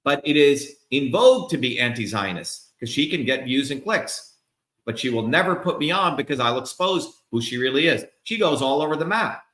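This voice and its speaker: Animated at a normal speed, his mid-range voice has a slightly bright quality, and the room is echoey. He's a middle-aged political candidate ranting angrily and profanely to supporters over a livestream, heated and emphatic throughout.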